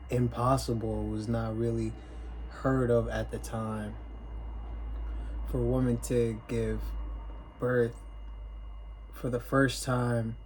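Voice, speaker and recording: A man casually retelling a Bible story as a sermon, in plain everyday speech and clearing his throat now and then. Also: mid-range voice, darkish tone, slight background noise, low-quality recording. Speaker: preacher.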